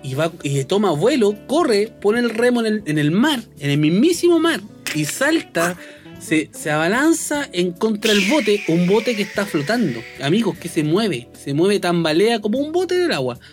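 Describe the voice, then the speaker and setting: A man's voice: high voice, normal speed, faint music behind. A young man with a Chilean accent, telling a story in a casual chat and acting out the voices of the people in it. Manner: animated, acts out voices in quotes.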